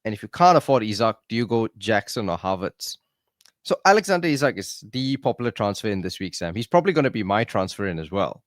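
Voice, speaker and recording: A man's voice: lowish voice, lively intonation, fast talker, no echo, clean studio sound. A man hosting a podcast in casual chat, upbeat and teasing, keeping things moving. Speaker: podcast host.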